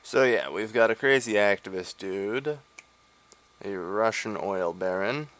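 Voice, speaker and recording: A man's voice: on the low side, animated, unhurried, fairly bright tone, dry recording. A young man hosting a let's play, giving rambling, sarcastic gameplay commentary into a desk microphone. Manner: rambling, sarcastic, many fillers.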